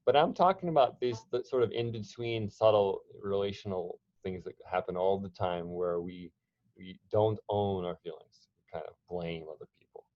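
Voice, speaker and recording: A man's voice: on the low side, normal speed, no room sound, dull audio. A man presenting an online workshop, talking conversationally with frequent restarts and fillers. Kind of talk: online training talk.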